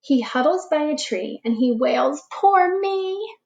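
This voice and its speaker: A woman teacher reading a picture book aloud to young children, slow and expressive, giving the animals little voices. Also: high voice, vocal fry, dull audio. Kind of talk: read-aloud storytime for children.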